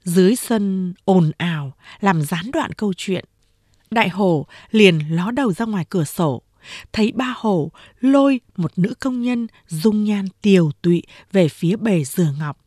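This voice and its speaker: A woman narrating a story aloud in an expressive reading voice. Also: mid-range voice, a little slow, no echo, clean studio sound.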